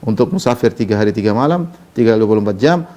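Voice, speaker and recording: Fast-talking preacher, mellow voice. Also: male voice, on the low side, animated. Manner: reads Arabic text then explains in Indonesian, conversational with fillers. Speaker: Islamic preacher. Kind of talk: sermon commentary on hadith.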